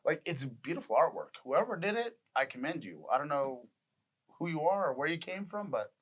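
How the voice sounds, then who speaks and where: A man's voice: fairly high pitch, sing-song, moderate pace, slightly rough, dull audio. A man in his thirties co-hosting a casual podcast, rambling and laughing often. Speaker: podcast co-host. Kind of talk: casual chat.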